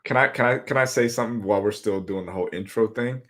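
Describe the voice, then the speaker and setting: A man's voice: lowish voice, fast talker, a bit bright. A man appearing as a guest on a casual sports podcast, talking in a laid-back, rambling, self-conscious way.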